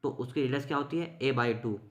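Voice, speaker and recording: A man's voice: mid-range voice, brisk, echoey room. A man teaching an exam-focused chemistry lesson, explaining with everyday examples and mixing English terms.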